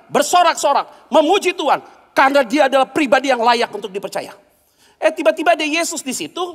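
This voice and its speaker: Man, pastor preaching a sermon, very high voice, animated with slangy asides, long hall reverb.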